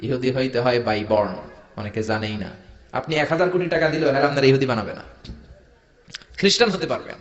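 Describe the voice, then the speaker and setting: A man with a Bangladeshi Bengali accent preaching a sermon, jokey and animated, firing rhetorical questions at the crowd. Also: on the high side. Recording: echoey hall, dull lo-fi sound.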